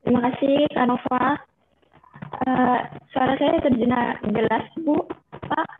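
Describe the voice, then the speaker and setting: High woman presenter, choppy breaking-up webinar audio, thin phone-like headset line, light hiss. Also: steady tone, a little slow. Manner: checking the connection, asking to be heard. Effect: choppy, breaking-up audio over a video call. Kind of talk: online webinar, mic check. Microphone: headphone mic on a video call. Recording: tinny noisy video-call line.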